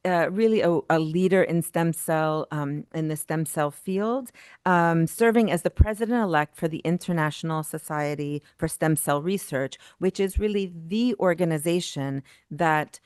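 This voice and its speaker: A woman's voice: deep voice, moderate pace, a little mellow, smooth, dry recording, studio quality. A woman speaking in front of an audience as a panel moderator, introducing speakers and a discussion.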